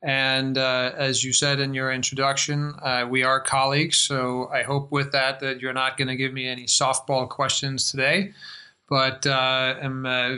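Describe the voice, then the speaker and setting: A middle-aged man from Denmark with an American-influenced Danish accent, giving measured, thoughtful interview answers as a guest. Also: mid-range voice, bright, forceful tone, clear, resonant tone. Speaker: guest, life-science investor.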